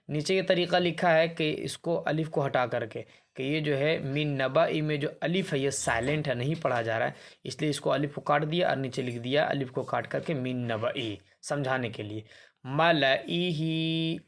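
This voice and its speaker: A man teaching Quran reading from a primer chart, explaining each example and saying words slowly to demonstrate. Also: mid-range voice. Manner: explanatory, repeats words slowly to demonstrate, asks and answers himself.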